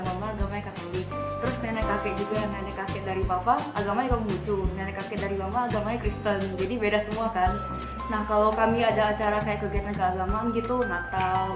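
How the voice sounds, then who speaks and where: A young woman from Palembang, a student, talking casually in a relaxed, friendly way. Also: medium pitch. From Palembang, Indonesia. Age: young adult. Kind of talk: casual storytelling. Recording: roomy echo.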